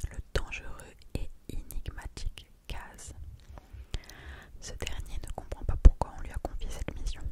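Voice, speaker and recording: A young adult speaks in a soft, library-like ASMR whisper, reading aloud and chatting informally about books. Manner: reads blurbs aloud with informal asides. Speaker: ASMR book haul creator. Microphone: streaming microphone close by.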